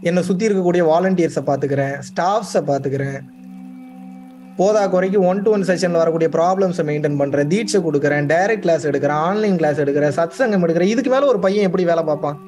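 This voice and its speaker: A man teaching a spiritual class, speaking to his students with many rhetorical questions and words repeated for stress. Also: high-pitched.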